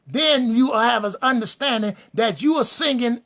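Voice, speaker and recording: High, gravelly preacher man. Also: moderate pace, a bit bright. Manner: emphatic and repetitive, addresses the listeners directly; builds lists and refrains for rhythm. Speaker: preacher and teacher. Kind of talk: fiery sermon-style lecture.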